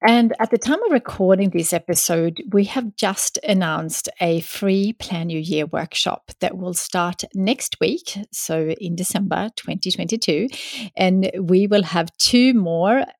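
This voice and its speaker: Upbeat, tidy woman podcaster, slightly creaky voice. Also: fairly low pitch, a little slow, no room sound, studio quality. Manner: encouraging, addresses listener directly. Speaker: podcast host. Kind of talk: solo advice podcast, planning tips.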